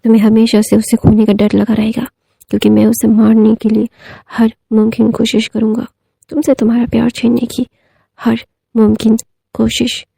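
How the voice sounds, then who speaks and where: A woman voicing a bitter, vengeful schemer who speaks threats in a low voice, in a storytelling retelling. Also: completely flat delivery, moderate pace, vocal fry, warm tone, husky, no echo. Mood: threatening.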